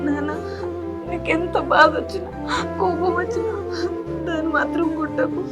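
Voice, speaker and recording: Backed by music, a woman with a very high voice plays a grieving, middle-aged village mother, tender and tearful, who weeps and pleads over her married son. She sobs and laments at a normal pace, her mood one of tearful pleading.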